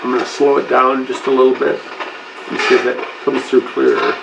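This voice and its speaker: A man's voice: medium pitch, level tone, fairly quick, creaky, noisy background. A man talking casually and unscripted as a paranormal investigator, repeating himself and calling out questions to unseen listeners. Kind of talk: casual unscripted spirit box session chat.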